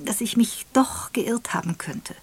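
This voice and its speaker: A woman voicing a shrewd, gentle elderly spinster detective who speaks softly, half in a whisper, in an audiobook. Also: a little high, lively intonation, unhurried, breathy edge, pitched above the performer's own voice, heavily acted. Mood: thoughtful.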